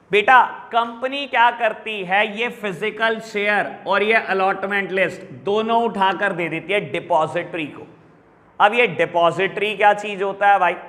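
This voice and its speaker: Bright-voiced Indian teacher in an echoey room. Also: male voice, high-pitched. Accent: Indian English. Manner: mixes Hindi and English, calls students "beta", repeats key terms slowly. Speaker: business studies teacher. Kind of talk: classroom lecture to students. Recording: echoey room with long reverb.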